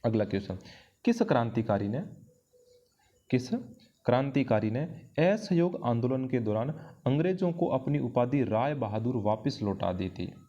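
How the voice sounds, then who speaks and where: Very animated and dark in tone, a man's mid-range voice moves at a moderate pace through a history lesson of quiz questions. He's prepping students for an exam, explaining and repeating key phrases for emphasis, and the recording has a dull lo-fi quality.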